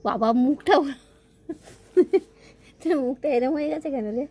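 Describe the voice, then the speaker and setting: A woman's voice: sits high, normal speed, mellow. A woman filming her pet cat at home, coaxing it to eat in cooing baby talk. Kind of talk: casual home video.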